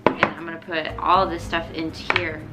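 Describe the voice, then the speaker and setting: A woman's voice: low-pitched, level tone, fairly quick, over loud music. A young woman chatting casually to the camera in an upbeat vlog, with self-mocking asides. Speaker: vlogger. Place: car on a road trip, then home.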